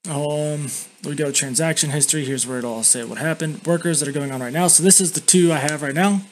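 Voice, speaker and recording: A young man giving a casual, blunt, sweary software review, talking with tobacco dip tucked in his lip. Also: on the high side, a little fast, poor audio. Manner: talks with a lip full of dip. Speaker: YouTube reviewer. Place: indoors at a home computer. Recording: constant background noise.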